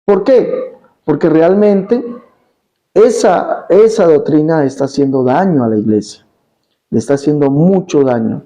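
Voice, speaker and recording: Emphatic high-voiced preacher. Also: male voice, lively intonation, normal speed, warm tone, poor audio. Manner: emphatic, repeats points, asks rhetorical questions. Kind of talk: preaching Bible teaching.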